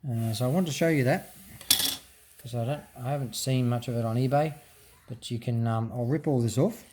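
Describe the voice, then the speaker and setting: Heavy background noise surrounds a medium-pitched man who talks a little fast while explaining a casual teardown. As a hobbyist presenter, he improvises, using fillers and frequently starting over.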